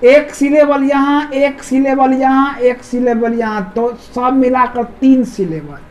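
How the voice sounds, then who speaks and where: A woman's voice: high-pitched, fairly even intonation, a little slow, a little mellow, low-quality recording. A woman teaching an English grammar lesson who repeats key words and keeps asking her viewers questions. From India. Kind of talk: explaining a lesson.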